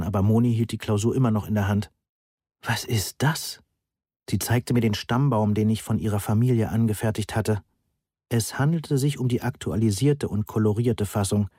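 A man reading a novel aloud in the first person in an even, measured way. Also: on the low side, husky, dry recording, clean studio sound. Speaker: audiobook narrator.

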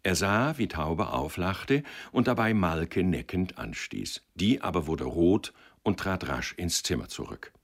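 A man reading a novel aloud in a measured, expressive storytelling manner. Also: sits low, breathy edge. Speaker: reader. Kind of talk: literary reading.

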